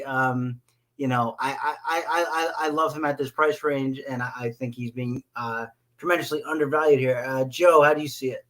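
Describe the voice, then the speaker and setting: Guy hosting a fight betting podcast, slightly high voice, lots of ums and restarts. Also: bright, forceful tone. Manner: hesitant, many fillers and restarts. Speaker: podcast host. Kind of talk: casual sports betting podcast.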